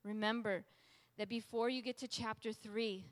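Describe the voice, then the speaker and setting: A woman's voice: a little high, fairly even intonation, moderate pace. A woman preacher giving an emphatic sermon and repeating key phrases for weight. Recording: long hall reverb.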